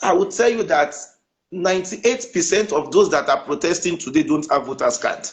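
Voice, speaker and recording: A Nigerian politician with a Nigerian accent insistently talks over the host in a heated panel debate. His voice is fairly high-pitched, at a moderate pace.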